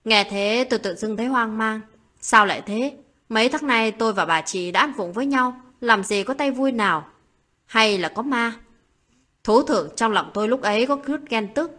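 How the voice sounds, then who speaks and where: A woman narrating a late-night story as a storyteller, in a calm, steady reading voice. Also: fairly high pitch, normal speed.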